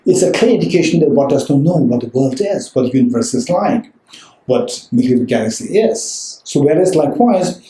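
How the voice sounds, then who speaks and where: A man's voice: fairly high pitch, animated, a little fast, mellow, slight background noise. A man teaching as a Buddhist teacher to a live audience, talking conversationally, checking in with the room and repeating phrases for emphasis. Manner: conversational, checks in often with "right?" and "okay". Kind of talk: dharma talk to a live audience. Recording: roomy echo.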